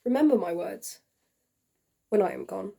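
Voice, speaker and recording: A woman performing a dying, lovesick male soldier-poet in a hushed, half-whispered, heartfelt farewell monologue. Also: medium pitch, animated, creaky, breathy edge, full character voice. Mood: grieving, tender. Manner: tender, grieving, slow and heartfelt. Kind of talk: dramatic monologue reading.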